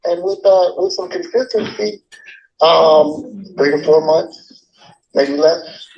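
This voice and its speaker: A man's voice: a little high, fairly even intonation, slow, a little mellow. A man working as a GED instructor, heard over a speakerphone, explaining things with many fillers and restarts. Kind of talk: casual explaining on a phone call. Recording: dull speakerphone line with faint noise.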